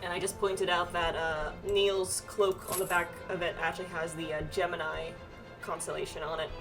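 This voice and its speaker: This game streamer, playing with friends, has a low-side voice with little pitch movement and a moderate pace. Game music runs in the background as she reads quest text aloud and chats casually, muttering occasional asides to herself.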